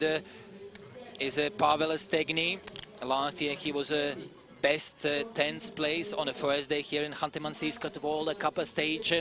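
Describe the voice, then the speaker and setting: A male race commentator speaks in a fairly high voice over a clearly audible crowd. His live delivery is halting and hesitant, broken by frequent pauses as he searches for words. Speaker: sports commentator. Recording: crowd noise behind the voice. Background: sports event crowd.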